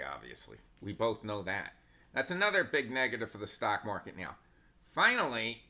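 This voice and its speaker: A man's voice: medium pitch, bright, forceful tone. A man giving casual stock market commentary, opinionated and sarcastic, wandering into asides.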